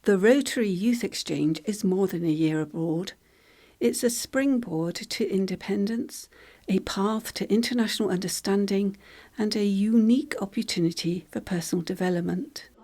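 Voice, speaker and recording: A woman's voice: mid-range voice, normal speed, warm tone. Woman reading scripted narration.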